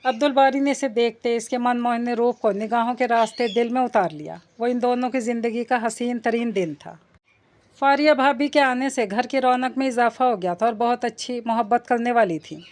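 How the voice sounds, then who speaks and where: A woman narrating a romance novel aloud in a steady storytelling manner. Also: fairly high pitch, moderate pace. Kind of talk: audiobook novel reading.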